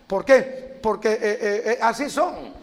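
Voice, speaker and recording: A middle-aged preacher man with a very high voice. He tells lively stories and acts out the people he quotes, chuckling along the way. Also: takes it slowly. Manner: animated, acts out quotes, laughs at his own stories. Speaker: preacher guest. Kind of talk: storytelling sermon chat.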